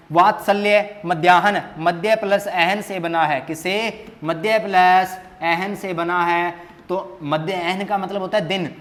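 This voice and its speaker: A man's voice: high-pitched, a bit bright. A man teaching Hindi grammar at a board, asking questions and answering them himself, repeating key words with emphasis, in an echoey classroom.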